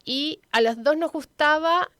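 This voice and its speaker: In this relaxed interview chat, a local councilwoman in her forties, born in Venezuela but carrying a Chilean Spanish accent, warmly tells stories from her own life as a guest. Her high-pitched voice moves unhurriedly, recorded at studio quality with no room sound.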